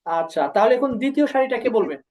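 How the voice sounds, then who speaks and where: A man's voice: very high-pitched, lively intonation, fast, a little mellow. A man teaching Chinese pronunciation in an online class, patiently drilling syllables and encouraging students.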